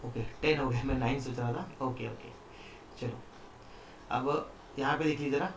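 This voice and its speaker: A man's voice: mid-range voice, fairly even intonation, moderate pace, a little hiss or hum. A man teaching a chemistry lesson online, explaining step by step and often asking the students questions. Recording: echoey room, mic at a distance.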